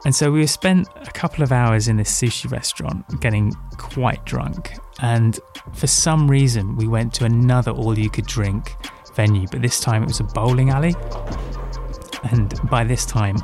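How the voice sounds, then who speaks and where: A man's voice: mid-range voice, normal speed, music in the background. A young man who grew up in Hong Kong tells a funny personal story on a podcast, candid and self-mocking. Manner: candid, self-mocking, lively when recalling.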